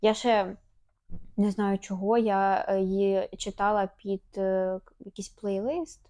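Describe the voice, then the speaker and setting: A young woman co-hosting a casual chat, playful and quick with a laugh. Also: mid-range voice, fairly even intonation, mellow, clear, resonant tone. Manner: playful, laughs between lines. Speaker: podcast co-host asking questions.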